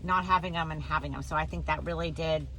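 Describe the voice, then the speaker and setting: A woman's voice: deep voice, fast talker, poor audio. A woman chatting casually for a travel vlog inside a camper van, repeating herself for emphasis. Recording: steady noise, vehicle ambience, hail outside. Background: vehicle ambience and hail.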